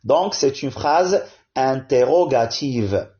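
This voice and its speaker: A man's voice: medium pitch, lively intonation, dark tone. A man, teaching a grammar lesson to primary pupils, explaining patiently and often checking in with "hein?". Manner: switches between French and Arabic, explaining slowly with frequent "hein?" and "bien". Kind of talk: classroom-style grammar lesson. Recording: dull lo-fi audio.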